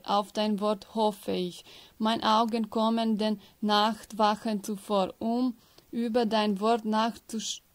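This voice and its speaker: A woman reading a psalm aloud in slow, measured phrases, now and then stumbling over a word and starting it again. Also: medium pitch. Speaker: scripture reader.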